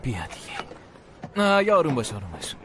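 A man playing a teasing, animated big brother. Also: mid-range voice, heavy background noise, natural voice. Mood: reassuring. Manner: joking, reassuring. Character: teasing, supportive older brother. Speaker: older brother. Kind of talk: dubbed drama acting.

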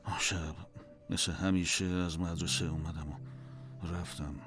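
An actor voicing a man in a dubbed drama, recounting in a flat, subdued way. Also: sits low, over music, lightly acted. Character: man recalling his father's betrayal.

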